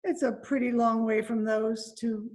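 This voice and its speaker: This woman's voice is a little high and darkish, a little slow, with little pitch movement and light acting. Recorded via video call for an amateur old-time radio drama, she plays a despairing, faded ex-Broadway dancer and Spanish mother, bitter, wistful and rueful.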